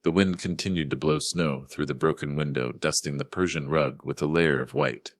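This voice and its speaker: Older man narrator, steady measured delivery, very deep voice, dry close sound. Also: no echo. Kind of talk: first-person story narration.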